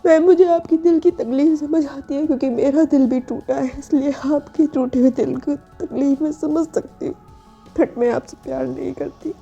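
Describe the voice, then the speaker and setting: Woman doing young employee pleading with boss, insistent, higher voice, dark tone, lo-fi with soft music. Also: moderate pace, gravelly. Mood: firm, apologetic.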